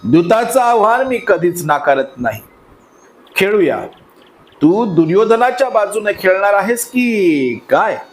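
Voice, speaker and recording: A man voicing a dutiful, righteous young king who speaks in a measured, hesitant way. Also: high-pitched, big pitch swings, voice pushed up. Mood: earnest, uneasy.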